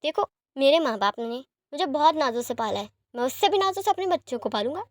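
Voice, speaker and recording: A woman's voice: high voice, animated, dry recording, studio quality. A woman voicing a doting, teasing young man who speaks fondly and reassuringly, in a fan-fiction story reading. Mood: soothing. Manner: fond and reassuring, sometimes quick.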